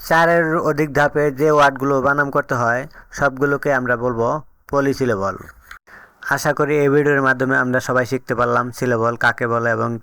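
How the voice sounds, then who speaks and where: A man reading out a scripted English lesson, explaining definitions and examples in a steady, explanatory way. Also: mid-range voice, fairly quick, clean tone, no room sound. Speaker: English teacher. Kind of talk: scripted teaching narration.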